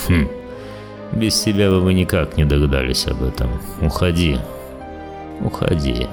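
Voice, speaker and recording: A man voicing a cold, imperious, mocking devil in an audiobook, speaking in a slow, low, contemptuous drawl. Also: music in the background. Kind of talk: audiobook character voice.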